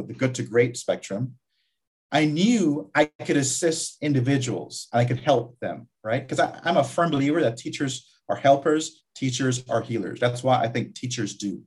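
A man's voice: mid-range voice, lively intonation, normal speed, darkish tone, breathy edge. A man from Guyana, a community college vice president, talking reflectively in an interview with frequent restarts. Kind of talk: interview conversation.

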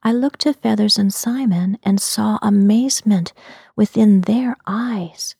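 A woman narrating a dreamy fantasy story in a soft, breathy whisper. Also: medium pitch, dry recording, clean studio sound.

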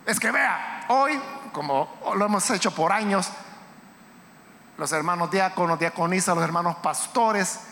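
High-voiced pastor preaching in a hall. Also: male voice, unhurried. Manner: impassioned preaching, rising to shouts. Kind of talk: sermon. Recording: hall reverb, faint background noise.

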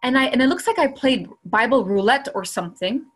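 A woman's voice: on the high side, animated, a little fast, fairly bright tone, breathy edge. A woman guest speaker sharing personal devotional writing and scripture in an earnest way, repeating for emphasis.

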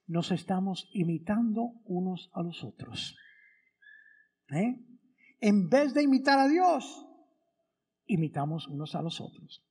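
A priest delivers a conversational Sunday homily during Mass, peppering the congregation with rhetorical questions. His voice is high-pitched and creaky with a darkish tone, and the church adds a long reverb.

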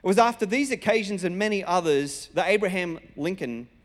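This Australian pastor's voice sits high, with lively intonation and a normal pace. He delivers a sermon built around personal storytelling, speaking colloquially and performing the dialogue himself, all captured with echoing hall acoustics.

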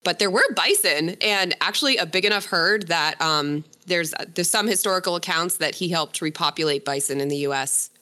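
Bright-voiced chatty woman. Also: on the low side, normal speed, hardly any pauses. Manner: chatty, self-correcting, laughs often. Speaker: co-host presenting a story. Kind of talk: casual podcast chat.

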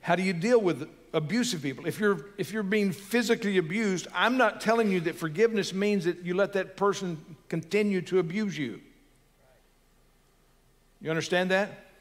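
A man's voice: high voice, moderate pace, in a large hall. A man preaching a sermon as pastor, earnest and building to emphatic peaks.

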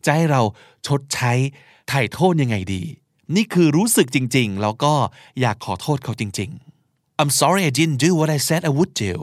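A man's voice: medium pitch, sing-song, measured pace, dry recording, clean studio sound. A man hosting a podcast, teaching and explaining vocabulary, spelling out words and acting out short examples. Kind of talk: explanatory language lesson talk.

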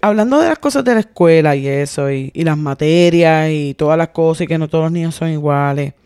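A woman's voice: low voice, brisk, dark tone, clear, resonant tone, no room sound, clean studio sound. A middle-aged woman co-hosting a casual podcast, working through her ideas step by step in a thoughtful, explaining way. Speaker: podcast co-host.

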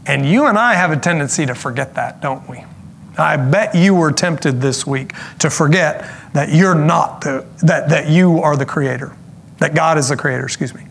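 A man preaching a sermon in an earnest, explanatory tone. His voice sits a little high for a man. He slows down to stress key points and drops in casual asides, with a faint hiss behind him. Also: creaky. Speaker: pastor.

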